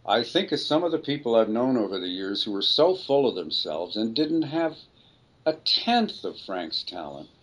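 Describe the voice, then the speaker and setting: An older man, a voice actor, telling a rambling, relaxed story in an interview. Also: fairly low pitch, normal speed. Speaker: voice actor guest. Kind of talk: anecdotal storytelling.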